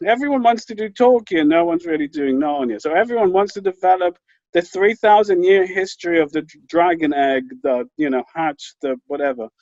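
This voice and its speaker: A man talking as a writer on a panel, his voice pitched high and moving with lively swings. He is animated and conversational, restarting sentences as he goes. The call audio is dull and lo-fi. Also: a little fast, dry recording. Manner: animated, restarts sentences, many "you know" fillers.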